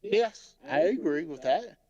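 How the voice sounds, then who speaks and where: A man's voice: high-pitched, expressive, a little slow, mellow, highs cut off. A man in an apartment on a livestream call, answering tersely and defensively. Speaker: guest defending himself. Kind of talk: livestream discussion.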